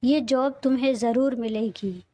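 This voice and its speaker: A woman's voice: on the high side, moderate pace, warm tone, no room sound, natural voice. A woman voicing a kindly, encouraging middle-aged father, in a read-aloud audio story.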